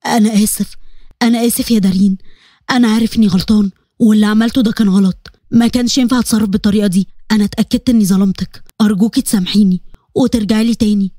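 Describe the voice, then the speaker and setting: A woman's voice: medium pitch, steady tone, racing, mellow, no room sound, studio quality, pitched below the performer's own voice, lightly acted. A woman voicing a remorseful young husband with an Egyptian Arabic accent, talking in an urgent, pleading way.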